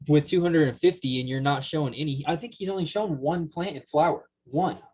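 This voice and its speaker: A man in casual podcast conversation, speaking in a measured, conciliatory way with hesitant phrasing. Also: on the high side, darkish tone, slightly rough.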